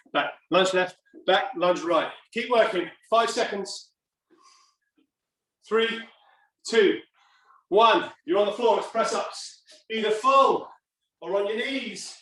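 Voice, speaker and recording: An energetic middle-aged coach runs a live HIIT class at home, shouting short urgent commands and countdowns like a gym drill leader as he exercises along. His high voice moves slowly, with long pauses. The sound comes from a camera several steps away, distant and echoing around the room.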